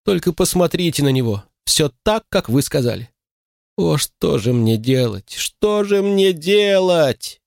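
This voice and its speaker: A man's voice: a little high, animated, fairly quick, darkish tone, no room sound, clean studio sound, pitched above the performer's own voice, close to an everyday voice. A man doing a sobbing, pleading older mother. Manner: wailing, pleading.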